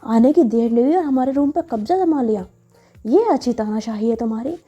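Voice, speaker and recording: A woman's voice: on the high side, expressive, fairly quick, dark tone, breathy edge, lo-fi sound, faint music behind. Woman playing an indignant young woman. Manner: refers to herself as 'we', indignant. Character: possessive young woman defending her room.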